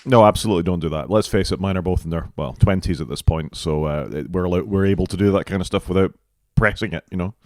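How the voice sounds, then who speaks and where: A tired, slightly croaky man co-hosting a podcast in casual, rambling chat. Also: deep voice, fast talker, darkish tone, dry recording, clean studio sound. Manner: chatty, rambling, self-deprecating. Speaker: podcast co-host.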